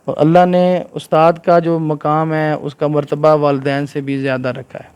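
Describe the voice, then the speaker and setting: A teacher leads a lesson for young listeners, chanting Arabic verses between his explanations. He keeps checking in with them, asking whether they understand. His voice sits on the high side and comes through smooth and resonant. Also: flat delivery, a little mellow. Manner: keeps quizzing listeners with "right?". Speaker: Islamic scholar teaching children. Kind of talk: religious lesson with Quran recitation.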